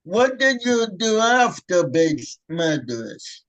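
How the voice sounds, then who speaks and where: Slow, high-voiced hesitant interviewer. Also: male voice, sing-song, a bit bright, lo-fi sound. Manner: hesitant, halting questions with many ums. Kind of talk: casual interview questions.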